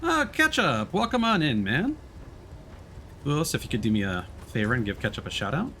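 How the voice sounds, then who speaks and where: This game livestreamer keeps up casual, friendly chatter while playing, addressing viewers in chat by name. He talks at a moderate pace in a mid-range voice with big pitch swings, and the background is noisy.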